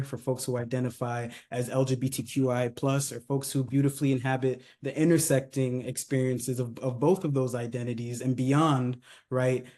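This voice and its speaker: A man from California talks through a presentation in a loose, conversational way, often checking in with a quick tag question. His voice has a mellow, warm tone at a middling pitch. He speaks as a company head giving an overview. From California, United States. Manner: conversational, many fillers, tags sentences with "right?". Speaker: company CEO presenting a retreat. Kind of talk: casual presentation, video overview.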